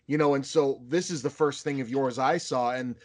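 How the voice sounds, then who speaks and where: A man in his thirties from the area talks as an interviewer in an easygoing, rambling way, filling his sentences with "you know" and "like" and restarting often. His voice sits at an ordinary middle pitch. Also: moderate pace. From Boston area. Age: 30s. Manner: rambling, many fillers and restarts. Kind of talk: casual conversational interview.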